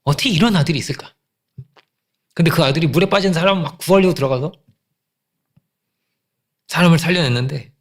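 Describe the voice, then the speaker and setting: A man's voice: fairly high pitch, breathy edge. A middle-aged male pastor preaching a sermon with emphatic repetition and rhetorical questions.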